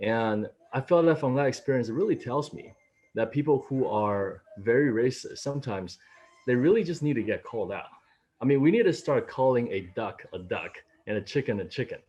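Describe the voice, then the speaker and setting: On a laptop mic from his home room, a late-thirties Taiwanese man joins a casual video-call discussion as a panelist, telling animated stories of his experiences and raising his voice when quoting others. He talks briskly in a mid-range voice with a breathy edge, and the highs are cut off.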